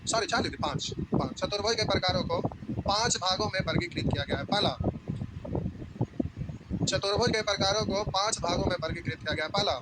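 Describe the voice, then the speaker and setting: A man teaching a math class, dictating notes slowly and repeating each phrase for students to copy. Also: sits high, very noisy. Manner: casual, checks if students follow.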